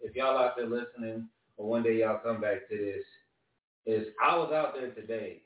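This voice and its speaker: A man's voice: fairly low pitch, moderate pace, distant mic. A man with a drawl, a truck driver hosting a casual group chat. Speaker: podcast host, truck driver. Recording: boxy roomy sound, off mic, lo-fi.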